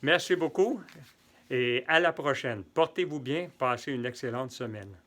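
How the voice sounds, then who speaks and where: Male tutor for a bilingual French lesson; unhurried delivery, bright voice. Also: mid-range voice. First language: neither French nor Spanish. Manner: slow, patient, repeats examples and translates into Spanish. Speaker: French teacher.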